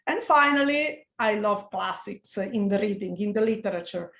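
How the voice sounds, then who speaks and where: A middle-aged Italian woman, a liver researcher, is interviewed over a video call and speaks earnestly with many hesitant restarts and fillers. Her medium-pitched voice has lively intonation, a moderate pace, some creak and a bit of brightness, in an echoey room.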